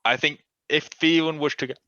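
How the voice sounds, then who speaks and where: Male podcast guest, forceful and sweary, muffled lo-fi audio. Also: fairly high pitch, moderate pace, no room sound. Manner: animated, rambling, swears freely. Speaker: guest fan analyst. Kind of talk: casual podcast chat.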